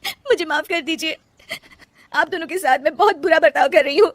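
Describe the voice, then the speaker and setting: Lady doing a moody young wife, sulky and curt, pitched up high, lots of swing. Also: expressive, racing, a bit bright, dry recording. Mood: tearful. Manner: sulky and curt, then tearful. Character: young unhappy wife who dreams of painting.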